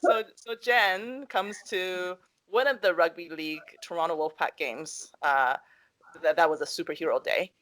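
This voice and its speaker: A woman's voice: fairly low pitch, normal speed. A woman hosting an interview, asking questions and reacting with encouraging remarks and laughter. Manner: warm, encouraging, laughs often. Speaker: host. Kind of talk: casual interview.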